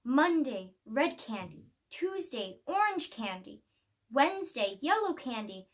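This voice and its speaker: This is a children's picture-book read-aloud by a woman whose voice is high. She delivers the story with expression and well-placed, deliberate pauses.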